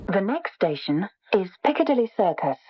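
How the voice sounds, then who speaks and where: A woman's voice: medium pitch, very animated, moderate pace, lo-fi sound, a little hiss or hum. A woman's automated transit announcement, built from separately recorded words stitched together and played back in a video. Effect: automated train announcement spliced from recorded words.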